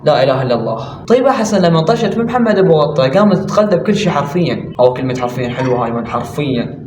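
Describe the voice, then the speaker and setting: A man's voice: fairly high pitch, big pitch swings, a little mellow, a little hiss or hum. A man with an Iraqi accent giving mocking, sarcastic reaction commentary. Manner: mocking, sarcastic, rapid-fire ranting. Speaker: commentary YouTuber. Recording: roomy, distant mic, music behind.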